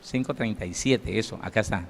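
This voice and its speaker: A man preaching a sermon as pastor, emphatic and lively, acting out scenes. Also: lowish voice, brisk, vocal fry, slight background noise. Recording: long reverb of a large hall.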